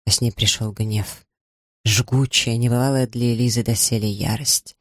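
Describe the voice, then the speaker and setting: A man giving measured, dramatic audiobook narration. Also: mid-range voice, steady tone, no room sound, clean studio sound. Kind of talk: scripted narration.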